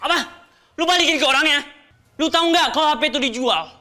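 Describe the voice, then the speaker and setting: A hot-tempered, bullying older brother in a TV soap. His voice is very high for a man and cuttingly bright, and he barks harsh orders. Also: fast talker, heavily acted. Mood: angry. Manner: shouting, harsh, bossy. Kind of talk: TV soap acting.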